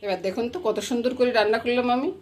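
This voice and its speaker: She talks very fast in a high voice: a middle-aged Bangladeshi cooking vlogger with a Noakhali Bengali accent, chatting casually in her home kitchen. She keeps asking viewers "you get it?" while loud frying and sizzling noise runs underneath.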